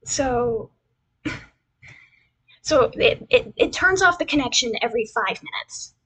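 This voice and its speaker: A woman's voice: on the high side, animated, takes it slowly, a bit bright, husky, low-quality recording. A young woman chatting casually as a cute anime-style VTuber on a livestream, rambling and repeating phrases in a self-deprecating way. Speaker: VTuber streamer introducing themselves. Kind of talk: casual livestream chat over a slideshow.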